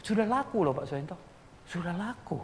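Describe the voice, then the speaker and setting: Man doing a casual older male neighbor, slightly higher and gravelly, in a reverberant hall. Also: animated, brisk, slight background noise. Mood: easygoing.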